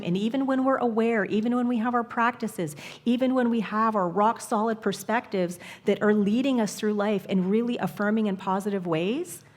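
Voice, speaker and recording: Woman minister giving a conversational sermon. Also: a little high. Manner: conversational, warm-hearted and affirming, with frequent "right?". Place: church sanctuary.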